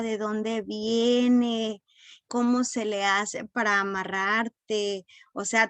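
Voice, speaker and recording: A woman teaching a Bible story in a relaxed, unhurried way, often correcting herself and acting out quoted lines. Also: on the high side, dry recording. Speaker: preacher.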